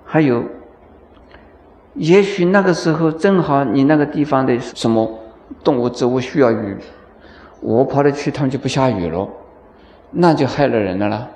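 A man's voice: mid-range voice, moderate pace, long pauses, a little mellow, roomy sound. A Buddhist monk teaching a dharma lecture, telling stories and acting out dialogue with chuckles, often asking his listeners questions. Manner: storytelling, acts out dialogue with chuckles; asks the audience questions.

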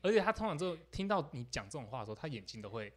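A man's voice: on the high side, very animated, rapid-fire. A man with a Taiwanese Mandarin accent co-hosting a podcast, cracking jokes and finishing the others' stories. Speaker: podcast co-host. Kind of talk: casual chat.

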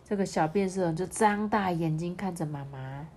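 A woman reading a picture book aloud to a child, lively and chatting with her listener along the way. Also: on the low side, moderate pace, a little hiss or hum. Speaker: storyteller.

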